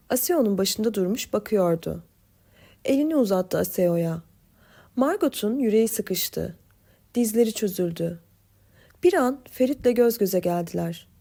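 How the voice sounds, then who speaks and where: A woman narrating an audiobook novel in a measured, expressive way. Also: mid-range voice.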